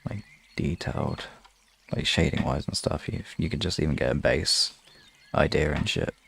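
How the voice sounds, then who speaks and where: Low-pitched and slightly mellow, this man's gravelly, husky voice carries a casual, halting chat to his live-stream audience, with some swearing mixed in.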